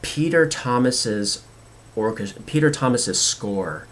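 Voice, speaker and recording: A man hosting a film commentary show, talking casually and earnestly with strong opinions in a halting, rambling way. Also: medium pitch, animated, noisy background.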